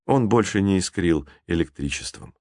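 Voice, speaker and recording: Brief: male audiobook narrator, lowish pitch, steady dramatic storytelling. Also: no echo, studio quality. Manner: measured, dramatic reading.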